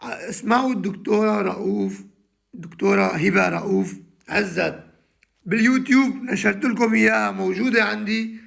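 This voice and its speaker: A man with a Syrian accent, delivering an emotional live monologue from home, halting with many restarts and trailing words. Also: high-pitched, gravelly, fairly bright tone. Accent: Syrian Arabic. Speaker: livestream host addressing followers.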